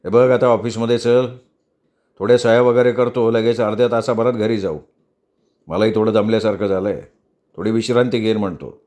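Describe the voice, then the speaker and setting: A gruff, bossy middle-aged boss, as a male storyteller puts him on, growls his lines in a lowered, heavy voice. He gives orders and mocks at will. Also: fairly even intonation, fairly quick, darkish tone, natural voice.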